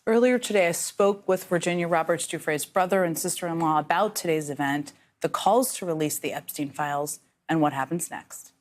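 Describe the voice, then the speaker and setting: A woman news anchor narrating a report and interviewing guests, emotional and halting at times. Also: deep voice. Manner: emotional, halting with repeated starts.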